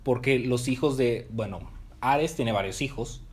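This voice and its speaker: A man recapping comics in casual chat, briefly acting out the characters' lines. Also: mid-range voice. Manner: retells scenes with quick quoted voices.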